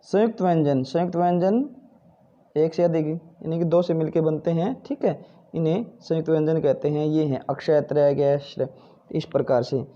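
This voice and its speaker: A man's voice: on the high side, moderate pace, warm tone. Patient teacher man, muffled lo-fi. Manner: patient, repeats "ठीक है" and "भाई", asks then answers. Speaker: Hindi teacher. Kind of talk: explaining textbook exercise answers.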